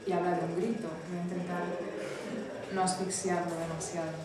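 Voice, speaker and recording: A woman with a low voice recites poetry slowly and deliberately. She is recorded from across a very echoey room. Clear background noise runs under her words. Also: level tone, far from the mic. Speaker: poet reading her work. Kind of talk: poetry reading. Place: indoor venue with live audience.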